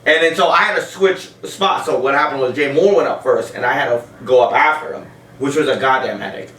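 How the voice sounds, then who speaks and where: A stand-up comic with a fairly bright, mid-range voice talks fairly quickly on a casual podcast, telling rambling, profane stories and often breaking into laughter. The recording sounds roomy and distant.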